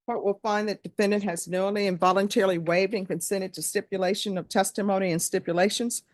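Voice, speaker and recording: A woman with a mid-pitched voice presides as a judge in formal courtroom style. She reads out legal admonishments and questions briskly and with authority. The sound is dry, with very little room echo. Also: fairly even intonation. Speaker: judge presiding over a plea hearing.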